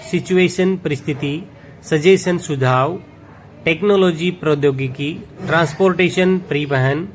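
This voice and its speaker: Man, teacher reading a word list, slow even rhythm, slightly high voice, faint room noise. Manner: steady list-reading with self-corrections. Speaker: vocabulary teacher.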